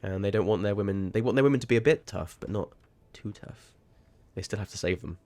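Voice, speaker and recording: A man streams a game while chatting casually, his fairly low, mellow voice moving fast. He rambles and swears, breaking into sudden startled outbursts during the livestream chat.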